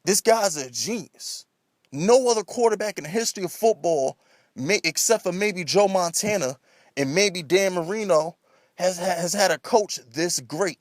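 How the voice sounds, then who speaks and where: Guy w a high voice doing an escalating funny sports rant, fed up, cussing a lot, really dry sound. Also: normal speed, no echo. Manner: ranting, escalating, comedic exasperation; heavy swearing. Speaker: sports commentator.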